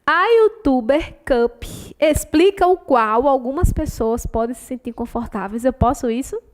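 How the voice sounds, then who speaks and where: High-pitched, theatrical teacher woman. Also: animated, unhurried, darkish tone. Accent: Brazilian Portuguese. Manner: theatrical, teasing and scolding, sings mnemonic chants. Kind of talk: exam review lesson.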